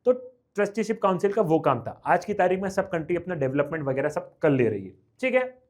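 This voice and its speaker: Young man, high voice, revision lecture, lively, keeps asking if it's clear. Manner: lively, repetitive, asks the class "clear?"; reads English lines slowly, then explains quickly. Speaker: teacher.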